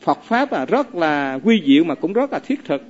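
Monk guy preaching, tells little stories, keeps asking right?, highish voice, muffled lo-fi recording. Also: very animated, moderate pace, a little mellow. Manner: folksy, asks the audience for agreement. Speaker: Buddhist monk teaching lay followers. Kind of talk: dharma talk with storytelling.

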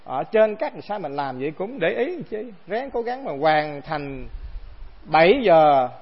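Man, monk teacher, high voice, chatty dharma talk, lo-fi sound. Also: sing-song, unhurried, husky. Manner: conversational, asks the assembly rhetorical questions. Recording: dull lo-fi recording.

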